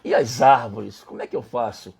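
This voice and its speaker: A man's voice: medium pitch, fairly even intonation, moderate pace, creaky, darkish tone, breathy edge, pitched below the performer's own voice. A man voicing God as a patient, reasoning male divine voice inside a spoken testimony. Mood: gentle.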